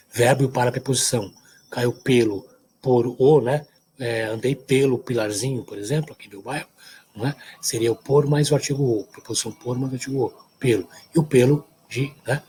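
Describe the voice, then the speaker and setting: A man's voice: mid-range voice, darkish tone. A male university lecturer from São Paulo, speaking with a São Paulo accent. He explains step by step in an ordinary mid-range voice and keeps checking that his listeners follow. A faint hiss sits under the recording. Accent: Brazilian Portuguese, São Paulo. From São Paulo, Brazil. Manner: explanatory, checks in often with "tá certo?" and "né?".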